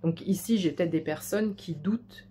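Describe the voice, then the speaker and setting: A woman's voice: lowish voice, normal speed, dark tone, slightly rough. A woman giving a tarot reading to the listener, speaking in an intimate, reassuring way and often stumbling and repeating words as she goes. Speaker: tarot card reader. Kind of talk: tarot reading addressed to the viewer.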